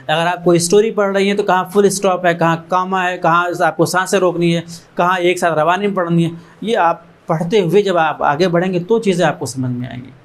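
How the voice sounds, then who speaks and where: In a learning centre room, the man who founded an education trust gives students an earnest pep talk, pushing them on with strings of short, repeated phrases. His voice is high-pitched and brisk, with a steady tone.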